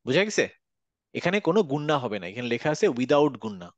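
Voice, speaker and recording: A man's voice: mid-range voice, very animated, fast, no room sound. A man teaching a Quran recitation class online, patiently repeating examples and checking that students follow. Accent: Bangladeshi Bengali.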